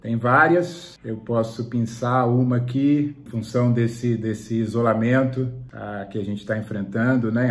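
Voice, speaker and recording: A man in his forties giving a measured, reflective testimony in an interview, pausing with fillers. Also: medium pitch. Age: 40s.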